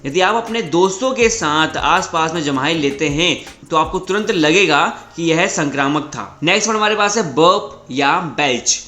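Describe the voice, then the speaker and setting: A male English teacher with a high-pitched voice works through vocabulary step by step, repeating each word and slowing right down for the example sentences. The room is echoey and faint music plays underneath. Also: lively intonation, bright, forceful tone. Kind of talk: vocabulary lesson. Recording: roomy echo with faint background music.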